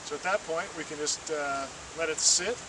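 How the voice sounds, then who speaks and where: In a fairly high voice at a moderate pace, a man working as a water-quality field trainer leads a hands-on demonstration, patiently and encouragingly, one step at a time. The setting is outdoors by flowing water, recorded from a distance amid loud stream sound.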